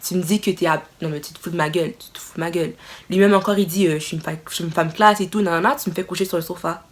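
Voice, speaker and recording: A young woman telling a casual storytime to her viewers, expressive and exclaiming as she retells the scene. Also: lowish voice, rapid-fire. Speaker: vlogger.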